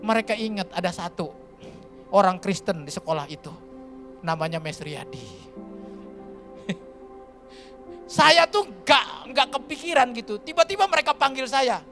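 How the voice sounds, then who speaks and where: A male pastor from Kalimantan preaching a sermon in a lively, colloquial storytelling manner, often turning to the congregation as he talks. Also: high-pitched, moderate pace, long pauses, faint music behind. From Kalimantan, Indonesia. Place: church.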